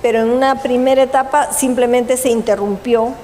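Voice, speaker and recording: A woman with a fairly high voice speaks at a conference, explaining steadily and pausing to correct herself. Her voice carries a long hall reverb, with faint ambience behind it. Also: steady tone, mellow, a little hiss or hum. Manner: measured, explanatory, with pauses and self-corrections. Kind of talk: conference presentation and Q&A answer.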